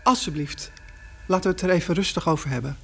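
An actress playing a mother who talks in a firm, calming manner and scolds her son. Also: lowish voice, fast, vocal fry, slightly rough. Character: stern but calm mother of a boy.

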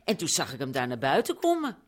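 A woman's voice: rumbling low, wildly swooping pitch, fast talker, heavily acted. An actress playing a bedridden woman chatting and gossiping with a visitor. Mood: gossipy.

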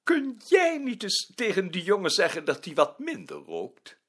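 A man's voice: high voice, wildly swooping pitch, a little slow, fairly bright tone, slightly rough, heavily acted. An actor playing a prim male office director who talks hesitantly, stammering now and then. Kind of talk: drama acting.

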